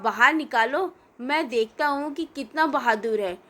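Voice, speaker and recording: A woman voicing a naive, cheeky village boy who gives earnest, deadpan answers in a comic storybook tale. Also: high-pitched, measured pace.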